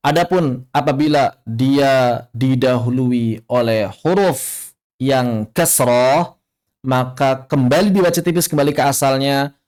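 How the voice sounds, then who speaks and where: A man teaching Quran recitation rules in an online class, calmly explaining and then slowly modeling each example. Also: medium pitch. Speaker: tajwid teacher.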